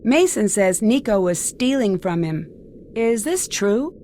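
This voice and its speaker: A woman's voice: medium pitch, sing-song, a little slow, dark tone, slight background noise. A woman playing a curious, polite young female detective in a video game, with an inquisitive way of talking.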